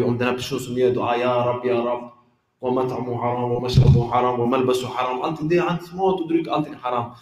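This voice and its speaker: A man giving an informal religious reminder to a congregation, lively and animated, acting out everyday examples with laughs. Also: fairly high pitch. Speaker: preacher giving a dawn reminder. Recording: echoey hall with long reverb.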